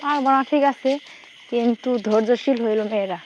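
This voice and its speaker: A woman with a Bangladeshi accent chats casually and intimately on the phone in short colloquial fragments. Her voice is a little high and a little fast, and the noisy call recording carries an insect-like hiss.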